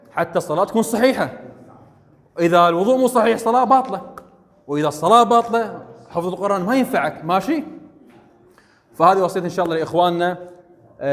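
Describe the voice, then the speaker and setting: A man's voice: sits high, long reverb tail. A man with an Iraqi Arabic accent teaching students at a mosque, demonstrating step by step and often checking that they follow. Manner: coaxing, keeps checking understanding. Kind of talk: hands-on religious lesson to students. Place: mosque ablution area.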